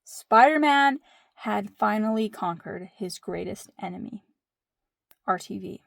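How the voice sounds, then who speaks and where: A woman's voice: mid-range voice, animated, unhurried, gravelly, no room sound, studio quality. A woman in her thirties telling a family story in a playful, mock-dramatic way, dropping into whispered asides. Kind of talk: casual storytelling.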